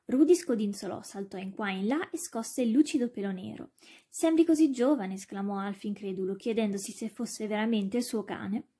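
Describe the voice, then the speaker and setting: A woman reading a children's ghost story aloud in a measured, expressive way. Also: mid-range voice, slightly rough.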